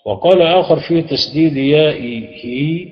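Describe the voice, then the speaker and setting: A man with an Egyptian Arabic accent teaching grammar, reciting verses in a slow chant and quizzing his students with short questions. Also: a little high. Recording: echoey room, dull lo-fi sound.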